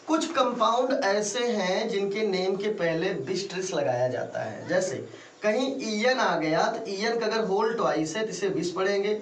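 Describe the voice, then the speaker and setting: A man's voice: high-pitched, slight background noise. A male chemistry teacher gives a classroom lecture, calls his students "beta" and repeats key terms in call-and-answer. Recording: roomy echo, voice from a distance, faint ambience.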